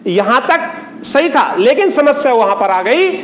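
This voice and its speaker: High-voiced man teaching chemistry. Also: sing-song, unhurried, a little hiss or hum. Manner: colloquial, rhetorical questions he answers himself; repeats and counts aloud for emphasis. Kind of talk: classroom lecture.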